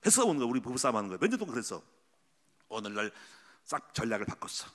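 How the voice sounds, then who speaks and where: A middle-aged male pastor preaching a sermon, telling stories with lively energy and acting out the voices he quotes. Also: mid-range voice, racing. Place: church sanctuary. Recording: long hall reverb.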